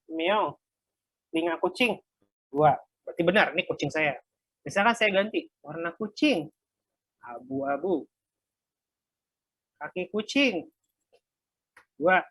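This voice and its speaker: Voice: mid-range voice, expressive, takes it slowly, pauses often, a bit bright, husky, no room sound. A workshop instructor casually talking through a live coding example, thinking aloud while typing and muttering asides. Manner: casual, light laughs at own mistakes.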